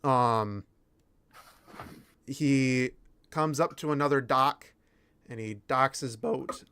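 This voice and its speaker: A man narrating a tabletop game as game master, improvising haltingly with pauses mid-phrase. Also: mid-range voice, pushed and bright, a little hiss or hum.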